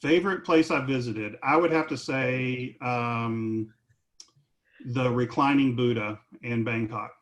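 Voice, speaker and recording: A man's voice: medium pitch, takes it slowly. A man in his fifties talking on a career webinar panel, rambling with many fillers and restarts.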